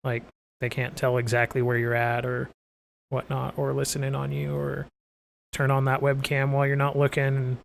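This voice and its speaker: A man with a mid-pitched voice chatting casually on a podcast in a laid-back way, often trailing off. A faint hum of background noise sits under his voice. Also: completely flat delivery, moderate pace, vocal fry. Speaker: podcast co-host.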